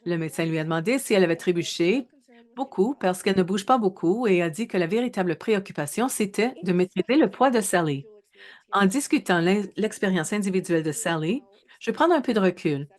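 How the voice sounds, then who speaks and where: A woman's voice: medium pitch, expressive. Woman in her thirties, hesitant lecturer. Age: 30s. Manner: measured, with frequent hesitations and self-corrections. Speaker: researcher presenting a webinar. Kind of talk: webinar presentation.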